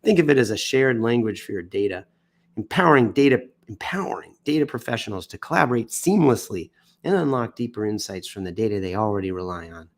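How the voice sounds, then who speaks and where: Hosting a livestream indoors, the American reads news posts with theatrical, jokey delivery, exaggerated emphasis and self-mocking asides, though he sounds sick and tiring and coughs now and then. His voice is on the low side, expressive and quick-paced.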